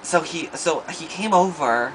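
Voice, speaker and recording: A man's voice: a little high, lively intonation, unhurried, slight background noise, low-quality recording. A man playing a shy, insecure schoolboy with no friends in an improvised comedy monologue, talking in a hesitant, rambling way full of ums and restarts. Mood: sheepish.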